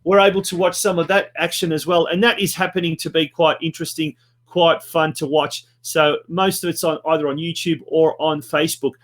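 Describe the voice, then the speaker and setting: Male sports show host, high voice, upbeat, stop-start casual presenting. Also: fairly even intonation, a little fast, fairly bright tone.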